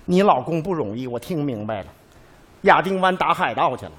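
A brash, argumentative caregiver. His voice rides high and swings widely, and he punctuates everything with loud exclamations. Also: expressive, fairly quick. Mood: boastful. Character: blustering male caregiver, brash and proud. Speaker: hired caregiver in a stage sketch. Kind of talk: comic sketch acting.

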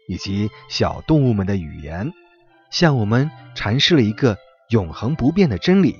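A man narrating a bedtime story for children in a gentle, expressive, lively way. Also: on the low side, husky. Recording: muffled recording with soft background music.

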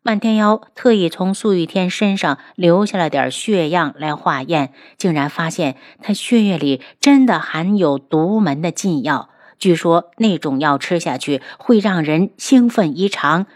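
A woman narrating a martial-arts web novel in a steady, unhurried storytelling manner. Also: on the low side, no room sound, clean studio sound. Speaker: audiobook narrator.

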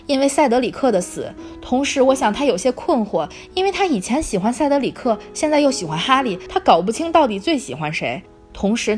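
A woman voicing a brisk know-it-all schoolgirl. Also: a little high, pitched above the performer's own voice. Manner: lecturing, explains feelings point by point. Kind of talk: audiobook reading.

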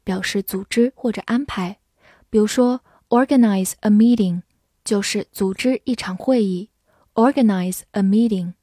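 Slow, mellow-voiced woman teaching vocabulary. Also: mid-range voice, no echo, clean studio sound. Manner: spells words letter by letter and reads example sentences slowly. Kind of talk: scripted vocabulary lesson.

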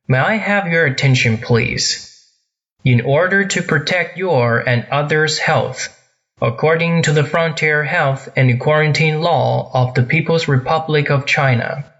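A man's voice: mid-range voice, fairly bright tone, muffled recording. A man making a formal in-flight announcement over the intercom, reading out items one by one. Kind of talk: in-flight public address announcement.

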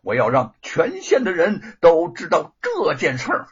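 Brief: man voicing a gloating, cold-sneering villainous master, husky, dull recording. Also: a little high, wildly swooping pitch, measured pace, heavily acted. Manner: cold sneering taunts, loud accusations. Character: sly scheming rich old master, gloating.

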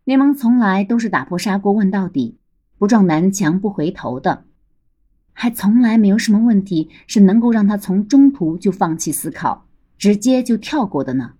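A woman's voice: medium pitch, lively intonation, moderate pace, mellow, husky. A woman narrating a serialized audiobook with a lightly humorous storytelling manner.

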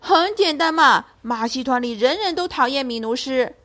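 A woman voicing a fierce, hungry male circus lion, roaring in slow, drawn-out shouts. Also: high-pitched, lively intonation, pitched above the performer's own voice. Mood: angry.

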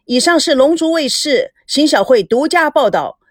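A woman's voice: sits high, animated, normal speed, dry recording, studio quality, voice pushed up. A woman doing a TV news reporter signing off. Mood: on-air. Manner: announcing on air. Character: young female TV news reporter.

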